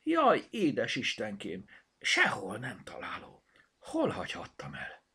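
Man playing a fussy old granny in a storybook, mumbly, kinda husky, raised voice. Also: low-pitched, very animated, fairly bright tone, exaggerated voice. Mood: fretful. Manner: mumbling, fretful. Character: fussy, absent-minded kindly old grandmother.

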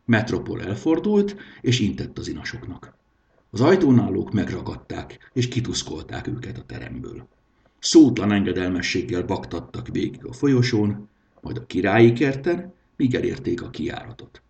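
A man narrating a storybook in a lively, expressive reading. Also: sits low, creaky, lo-fi sound.

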